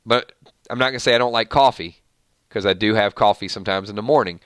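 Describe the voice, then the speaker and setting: Bright-voiced Southern man streaming. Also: fairly low pitch, quick pace, clear, resonant tone, no room sound, clean studio sound. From Georgia, US South. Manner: chatty, laughs easily, animated. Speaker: livestream host. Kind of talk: casual livestream chat reading comments.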